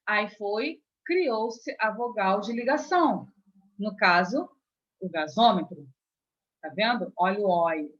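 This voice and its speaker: A woman's voice: mid-range voice, a bit bright. Brazilian woman teaching grammar, lo-fi. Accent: Brazilian Portuguese. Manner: explains step by step with frequent check-ins. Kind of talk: grammar lesson. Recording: dull lo-fi recording.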